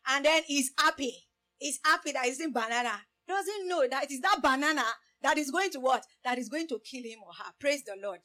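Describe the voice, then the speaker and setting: A woman's voice: high-pitched, animated, normal speed, bright, forceful tone. A woman preaching a sermon in English, which is not her first language. She keeps saying "praise the Lord" and asks her listeners rhetorical questions. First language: a language other than English.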